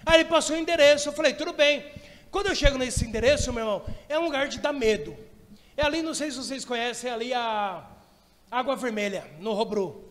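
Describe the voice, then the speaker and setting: A male pastor preaching a sermon, telling a story and acting out dialogue with animated energy. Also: very high-pitched, fast, long reverb tail. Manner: animated storytelling, acts out dialogue, shouts in prayer. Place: church.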